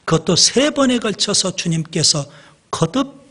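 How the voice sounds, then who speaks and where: A male pastor gives a sermon in church, his voice a little high for a man, husky and slightly breathy, expressive and a bit bright. He moves slowly and deliberately, pausing for emphasis and often turning toward the congregation.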